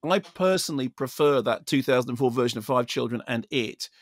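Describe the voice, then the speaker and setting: A British man reviewing films in an opinionated, discursive way. His voice is mid-pitched with a creaky edge, recorded close and dry. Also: animated, fairly quick, no room sound. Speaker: film critic. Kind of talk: spoken film review.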